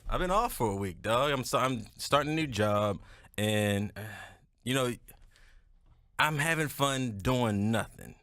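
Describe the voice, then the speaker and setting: Man, podcast co-host, bright forceful voice, dry close sound, animated storytelling, lots of swearing. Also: medium pitch, unhurried, no echo. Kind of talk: casual chat.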